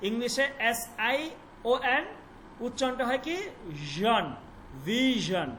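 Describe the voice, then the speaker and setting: A man teaching an online language class, saying each letter slowly and repeating it several times. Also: high-pitched, bright, forceful tone, slight background noise.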